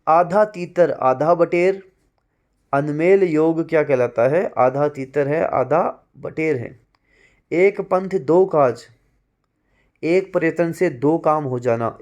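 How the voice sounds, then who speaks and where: A male teacher with a Rajasthani Hindi accent works through an exam-prep lecture at an unhurried, deliberate pace. His voice sits a little higher than most men's. He states each answer and then says it once more. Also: darkish tone. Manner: slow, repeats each answer twice.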